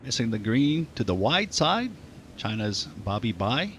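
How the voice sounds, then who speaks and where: Man, golf commentator, animated intonation, sports commentary, clear outdoor background noise. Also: medium pitch, measured pace.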